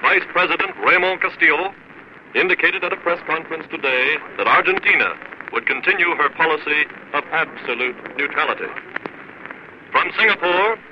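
A man announcing news bulletins in a brisk, formal 1940s radio style, heard as an old archival broadcast. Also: on the high side. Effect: old archival radio broadcast sound. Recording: dull noisy 1940s radio recording.

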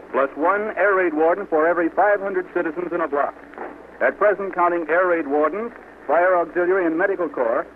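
A man reading a 1940s wartime news bulletin as a radio announcer, in a formal, measured, old newsreel-style delivery. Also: on the high side. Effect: old newsreel-style broadcast sound. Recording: tinny old radio broadcast with faint hiss.

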